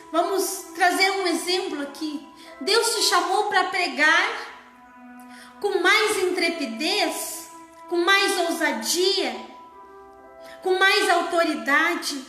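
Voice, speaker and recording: A woman preaching a sermon, slow and emphatic, sometimes sliding into song. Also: very high-pitched, pushed and bright. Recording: echoey room.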